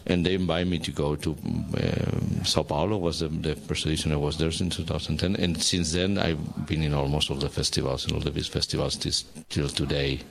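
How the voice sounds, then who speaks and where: Spanish guy talking in an interview, super deep voice, stops and restarts a lot looking for words. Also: flat delivery, vocal fry. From Spain. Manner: halting, searching for words. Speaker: guest artist, dancer. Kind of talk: casual interview talk.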